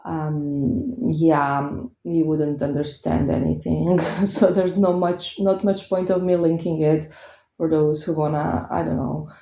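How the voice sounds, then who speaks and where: Low, warm and steady, this woman speaks at a slow pace. She is a tarot reader from Croatia with a Croatian accent, talking casually to viewers in a hesitant way with lots of fillers, recorded in an echoey room with dull lo-fi audio.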